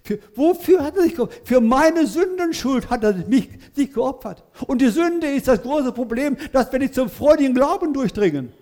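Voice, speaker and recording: A man's voice: extremely high pitch, expressive, normal speed, hardly any pauses, a little mellow. An older man preaching a sermon to his congregation in a church hall, telling his own story in a folksy, rambling way, often correcting himself and asking "ne?". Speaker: lay preacher. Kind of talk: church sermon with personal testimony.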